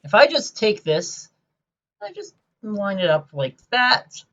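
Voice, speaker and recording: A man giving casual gameplay commentary, rambling and excitable as he explains his build, with many filler sounds. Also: sits high, slow pace, muffled recording.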